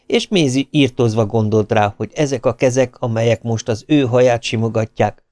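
A man reading a novel aloud as an audiobook narrator, with an expressive delivery. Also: mid-range voice, no room sound. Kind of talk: scripted narration.

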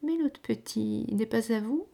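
Spoiled young lady, tearful and pleading, read by a woman, higher voice. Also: gravelly, dark tone, exaggerated voice. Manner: trembling, halting pleas.

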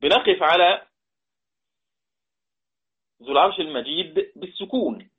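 Egyptian male teacher, a little high and husky, patient and repetitive, drawing in his listeners, phone-quality audio. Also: animated, unhurried. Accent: Egyptian Arabic. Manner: patient, repeats key words and asks listeners to respond. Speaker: Quran recitation teacher. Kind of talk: explanatory lesson. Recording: tinny phone-like line.

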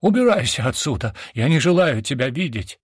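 A drunk young brother in a storybook, furious and sneering, his husky voice swinging hard up and down as he spits accusations, as a man acts him out. The sound is close and dry. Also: on the low side, sing-song, moderate pace, no echo.

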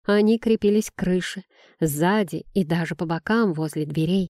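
A woman narrates a fantasy audiobook in the first person, at a measured and expressive pace. Her voice is warm and dark in tone, and the recording is dry and close. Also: fairly low pitch, dry recording.

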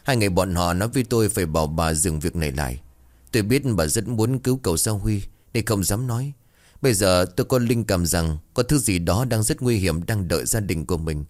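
A man doing an old servant in an audio story, humble and cautious with his mistress. His low voice rises and falls as he chooses careful words. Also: expressive, fairly quick, a little mellow. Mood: worried. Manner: deferential, hesitant.

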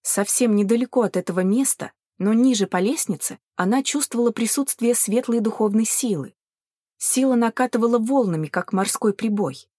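Female audiobook narrator, calm and measured, dry close sound. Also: fairly high pitch, no echo. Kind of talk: scripted narration.

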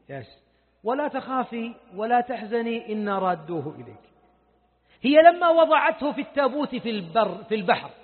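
High-voiced preacher in an echoing hall. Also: male voice. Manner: impassioned, swings between hushed and loud. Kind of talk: sermon. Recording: tinny phone-like audio with long hall reverb.

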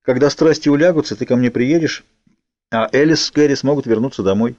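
A man's voice: on the high side, expressive, quick pace, a little mellow, no room sound, pitched above the performer's own voice. Man putting on a stubborn teenage girl. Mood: persuasive. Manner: pleading, persuasive. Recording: dull lo-fi audiobook recording.

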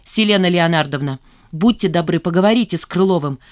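A woman voicing a sharp-tongued, indignant office woman who scolds her coworkers. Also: on the low side, a little fast, lightly acted. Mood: scolding indignant. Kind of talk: audiobook character voice.

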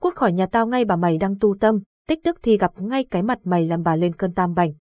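A fierce, hot-tempered fat woman, as a woman narrator puts her on, scolding through gritted teeth in an audiobook ghost story. The voice sits at a middle pitch and sounds dry and close to the mic. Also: expressive, a little fast, no room sound, lo-fi sound, natural voice. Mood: furious.

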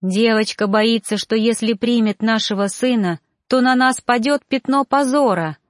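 A woman's voice: fairly high pitch, moderate pace, no echo, clean studio sound, lightly acted. Composed older mother, plainly spoken , a woman reader voicing her.

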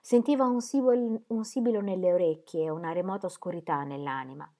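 Lower-voiced woman reading a novel aloud. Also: a little fast, warm tone. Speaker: audiobook reader.

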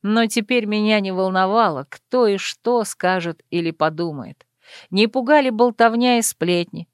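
A woman narrating a first-person romance audiobook in an intimate, measured reading. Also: mid-range voice, clear, resonant tone, dry recording, clean studio sound.

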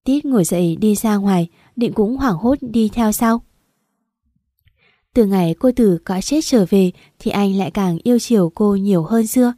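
Mellow woman reading a romance story. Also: medium pitch, moderate pace, no room sound, studio quality. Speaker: narrator.

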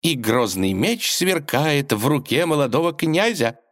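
A man reading an audiobook, voicing a young princess who is bored, dreamy and headstrong, in a high, excitable, sing-song voice. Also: a little slow, no room sound, studio quality. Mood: ecstatic. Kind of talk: audiobook character voice.

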